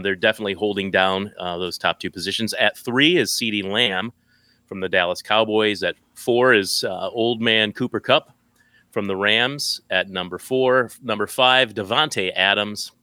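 A man's voice: on the low side, moderate pace, pushed and bright, no room sound. An American man, a podcast co-host, announcing sports rankings as a top ten countdown.

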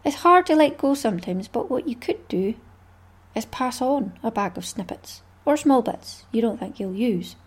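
A woman's voice: on the high side, animated, normal speed, husky. A Scottish woman hosting a craft podcast, talking in a chatty, rambling way with small laughs. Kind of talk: casual solo podcast chat.

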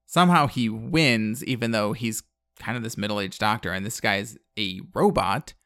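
A man's voice: on the low side, normal speed, sharp tone, dry recording, clean studio sound. A man in his thirties hosting a podcast, recapping a film in casual chat, blunt and sarcastic, with plenty of fillers. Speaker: podcast host.

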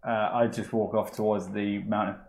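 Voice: low-pitched, little pitch movement, moderate pace, a little mellow. A tabletop role-playing player talking casually, narrating a character's moves and speaking for them. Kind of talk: casual game talk and light role-play. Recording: echoey room, background noise.

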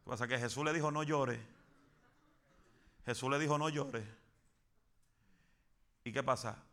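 A man preaching a fervent Pentecostal sermon, building to shouts and dropping in English phrases. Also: medium pitch, fairly even intonation, unhurried.

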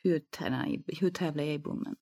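A woman's voice: deep voice, gravelly, dark tone. A woman from East Germany, a guest expert in a podcast conversation, who talks with animation and acts out inner voices as she explains.

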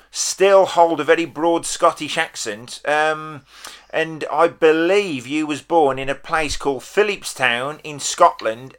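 Bright, higher-voiced male podcast interviewer. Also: clean tone. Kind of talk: casual interview.

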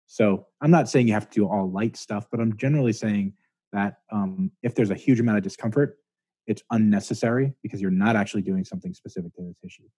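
A low-pitched man with a husky, mellow voice, talking thoughtfully as a chiropractor guest. He explains at length and hedges his claims. The sound is dry and close to the mic. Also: fast, dry recording. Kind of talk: casual interview talk.

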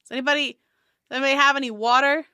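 A woman voicing a friendly male dwarf potter, cheery and excited. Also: very high-pitched, very fast, no echo, voice pushed up, heavily acted.

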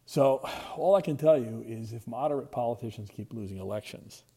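A middle-aged American man hosting a podcast, giving semi-scripted commentary in a deliberate, opinionated, halting way. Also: mid-range voice, mellow, husky. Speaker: podcast host, market strategist.

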